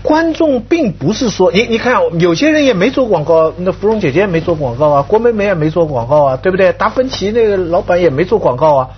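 A fast-talking man argues his side in a casual panel debate, with lively pitch movement. He counts off points and asks rhetorical questions. The audio is slightly dull and faintly noisy. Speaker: talk show panelist.

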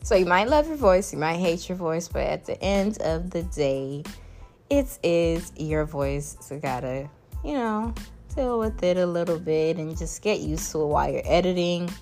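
This podcast host is a young Caribbean-accented woman chatting animatedly at a moderate pace, giving listeners casual advice. Her voice sits fairly low and soothing, broken by frequent laughter and playful leaps in pitch for emphasis, with gentle music faint behind her.

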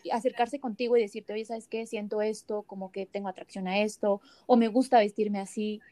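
A woman's voice: on the high side, dark tone, no room sound. A woman with a Mexican accent, chatting casually and affirming her guest as she listens. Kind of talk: casual chat.

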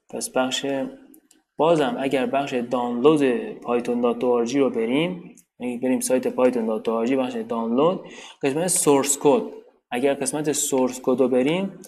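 A man's voice: mid-range voice, a little mellow, a little hiss or hum. Rambling man teaching a programming class. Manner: rambling, restarts and repeats while explaining. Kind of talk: informal spoken tutorial.

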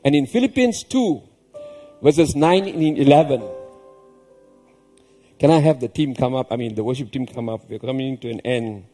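A pastor giving an animated sermon, repeating key phrases with emphatic rises and chuckling between points. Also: male voice, mid-range voice, normal speed, long pauses, soft background music. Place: church hall. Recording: long reverb in a large hall.

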